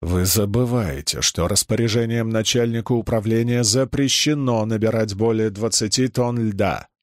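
A stiff, indignant official with a cold, clipped and formal delivery, played by a man reading an audiobook. His words come low and measured, recorded dry and close. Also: no room sound, lightly acted. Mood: stern.

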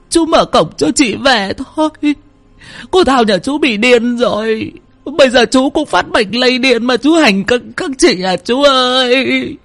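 Woman as a tearful, high-pitched older village woman, pleading and scared. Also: darkish tone. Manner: tearful, begging.

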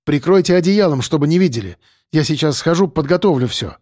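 Higher-pitched nervous doctor for an audiobook, indignant and fretful, put on by a male narrator. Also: animated, darkish tone, no echo, clean studio sound. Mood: resigned. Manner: indignant, quick to protest.

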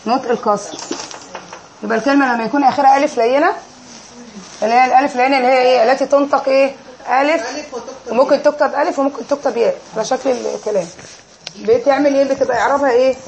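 A woman's voice: sits high, steady tone, very fast, darkish tone. A woman with an Egyptian accent teaching an Arabic grammar lesson in a classroom, quizzing her students and drilling them on each answer.

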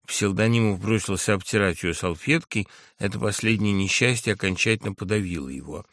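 A man's voice: on the low side, brisk, no room sound, studio quality. A man giving a dramatic, theatrical reading of a classic story. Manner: expressive, theatrical narration. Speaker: reader.

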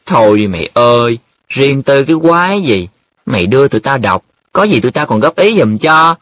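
A man's voice: mid-range voice, sing-song, fairly bright tone, husky, dry recording. A man doing a cheeky boastful young man. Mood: wheedling. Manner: wheedling, dramatic, quick teasing banter.

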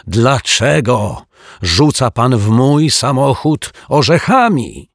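Man doing a furious shouting caretaker. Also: low voice, measured pace, breathy edge, dry recording, clean studio sound, full character voice. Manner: shouting, indignant outbursts. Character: hot-tempered male building caretaker, middle-aged.

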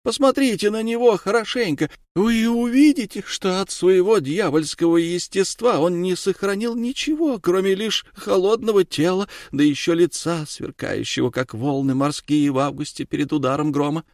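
A man's voice: normal speed, few pauses, a little mellow, no echo, studio quality. A man doing a raving woman accused of witchcraft. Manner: raving, pleading, high strained voice.

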